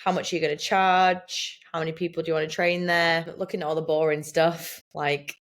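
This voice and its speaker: A woman giving brisk, list-like business advice in a casual podcast Q&A. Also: sits low, level tone. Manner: brisk, lays out points as a list.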